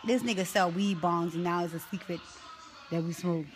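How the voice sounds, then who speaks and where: A woman's voice: on the low side, steady tone, normal speed, slight background noise. A woman with a Baltimore accent chatting casually on a phone livestream from bed, teasing and cursing as she talks to her viewers. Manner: teasing, profane, addresses viewers. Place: bedroom, in bed.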